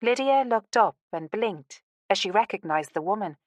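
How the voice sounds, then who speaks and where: A woman's voice: medium pitch, expressive, normal speed, dry recording. Woman narrating a romance audiobook, dry sound. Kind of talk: scripted narration.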